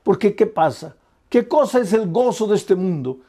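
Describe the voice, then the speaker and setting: A man's voice: sits high, expressive, moderate pace, mellow. A male pastor preaching a sermon with fervor, building his points through repeated, emphatic lists. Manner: fervent, repetitive emphatic lists.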